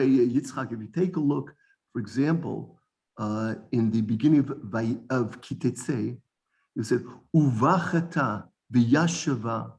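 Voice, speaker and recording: Guy teaching a bible class, lively, keeps repeating words and restarting. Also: mid-range voice. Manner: animated, repeats words, many restarts and fillers. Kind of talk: informal Bible study lesson.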